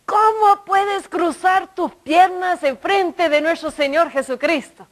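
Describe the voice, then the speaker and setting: A woman voicing a stern, indignant older female church usher who scolds in a shrill, raised voice. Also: takes it slowly, a bit bright. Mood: indignant scolding.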